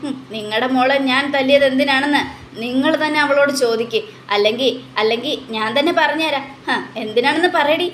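A woman's voice: sits high, brisk, fairly bright tone, slight background noise. A woman voicing an angry young mother who scolds fiercely to protect her baby, in a storybook retelling. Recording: echoey room.

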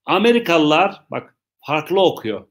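Very animated and on the high side, a male English teacher runs a live online lesson, explaining things slowly, repeating himself, and joking with questions from viewers.

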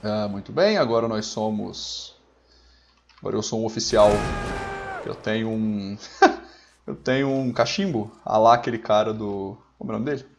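A man's voice: lowish voice, moderate pace, creaky, lo-fi sound. A man with a Brazilian Portuguese accent giving playful, mock-melodramatic let's-play commentary and barking orders. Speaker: gameplay commentator.

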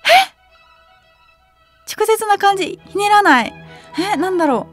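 A young woman hosting a web radio show, reading quiz trivia aloud and reacting to it with quick giggles and chatty asides. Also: extremely high pitch, faint music behind. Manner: lively, giggly, reads trivia then reacts.

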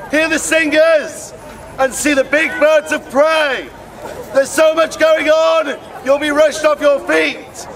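A young man with an English accent calling out a rhymed proclamation as a town crier, loud and drawn out, outdoors. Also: very high voice, vocal fry. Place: open festival field, outdoors. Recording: noisy outdoor field with crowd. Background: crowd and outdoor noise.

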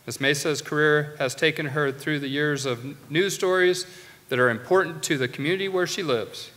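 A man's voice: on the high side, bright, forceful tone. A middle-aged man formally introducing a speaker at a ceremony, reading from notes. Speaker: school administrator introducing the speaker. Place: large auditorium stage. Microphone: podium microphones. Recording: long hall reverb.

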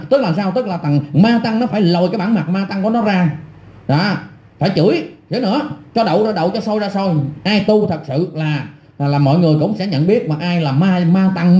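A middle-aged man hurls insults in an angry, repetitive rant, his voice sitting high but sounding dark and mellow. He talks like an online commentator tearing into his critics. The sound bounces around a roomy, echoey space. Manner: insulting, scornful, repetitive ranting. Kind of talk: angry ranting monologue.

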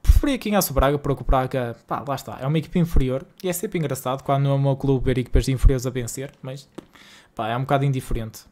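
In a home streaming room, a young man from Portugal banters with viewers during a live game stream, slangy and exasperated, in a northern Porto accent. He talks quickly in a mid-range voice with a dark tone.

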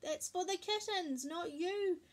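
Woman doing a storybook little girl, eager, exclaiming, high voice, slow. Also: animated, a bit bright, heavily acted. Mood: excited.

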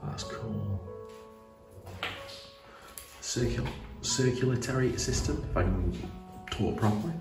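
A man in his forties with an English Midlands accent, narrating an exploration vlog in a dark abandoned school in hushed, awed tones. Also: medium pitch, expressive, slow, long pauses. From England. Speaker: urban explorer host. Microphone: camera mic held at arm's length. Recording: echoey empty rooms with loud music.

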